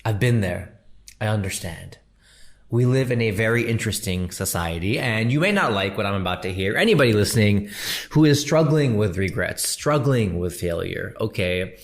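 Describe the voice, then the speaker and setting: Male comedian host, thirties, relaxed slangy monologue, slightly low register. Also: normal speed. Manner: chatty, slangy, addresses listener as bro. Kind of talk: casual podcast monologue answering a listener.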